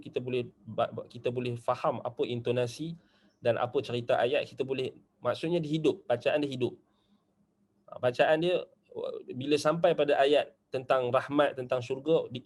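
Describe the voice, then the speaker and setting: A man's voice: mid-range voice, a little mellow. A man with a Malaysian Malay accent teaching a religious class in a loose, conversational way, dotting his points with short asides and checks for agreement. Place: Islamic study centre classroom.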